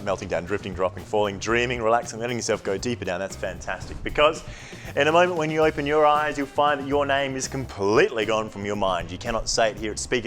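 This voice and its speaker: A man performs as a comedy hypnotist. His patter is very quick and circles back on suggestive phrases, in a middle-pitched voice. Faint music plays behind him. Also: a bit bright. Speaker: stage hypnotist.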